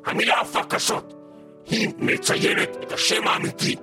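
A man playing Satan as a crude, boastful, gravelly devil in a mock-formal, rambling comedy radio interview. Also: music in the background, lightly acted. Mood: pompous.

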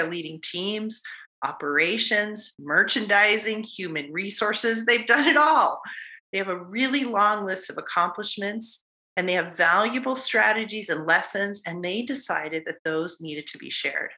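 Bright, enthusiastic woman podcast host. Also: medium pitch, unhurried, low-quality recording. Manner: enthusiastic, emphatic. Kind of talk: warm guest introduction.

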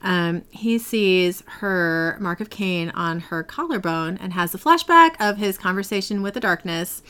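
A woman's voice: medium pitch, animated, unhurried, hardly any pauses, pushed and bright, clear, resonant tone. A woman hosting a podcast, casually recapping a TV episode in a chatty, giggly storytelling way.

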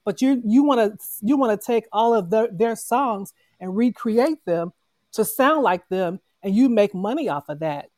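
A woman's voice: fairly high pitch, lively intonation, moderate pace, a little mellow, dry recording. A woman speaking as a panel guest in a casual online audio room, making her case earnestly and growing impassioned. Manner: earnest, building into impassioned argument.

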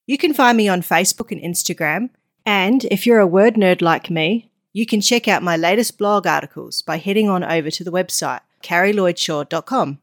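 A middle-aged woman with a New Zealand accent reads a scripted devotional for her podcast. Her voice sits on the low side, and her delivery is measured and earnest, slowing to let important lines land.

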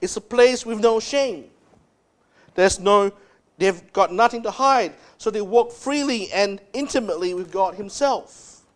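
A man preaching a sermon as pastor, speaking emphatically and dropping low and soft to stress key words. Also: a little slow.

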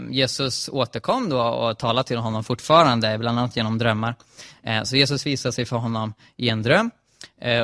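A man telling a conversion story to listeners, animated, with frequent "eh" fillers. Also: medium pitch, no room sound, clean studio sound. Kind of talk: storytelling testimony.

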